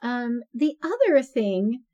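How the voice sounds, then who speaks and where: A woman's voice: on the high side, big pitch swings, slow pace, warm tone, muffled recording. A woman in her forties co-hosting a podcast in casual chat, talking freely with lots of fillers and frequent laughter. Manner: chatty, laughs often, many fillers. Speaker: podcast co-host.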